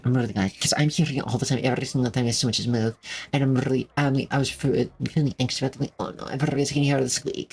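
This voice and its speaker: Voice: mid-range voice, darkish tone, breathy edge. A streamer in casual live-stream chat, talking to viewers in a rambling, friendly way with lots of fillers and restarts, at a desk mic in a home setup. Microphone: desk microphone with noise filters.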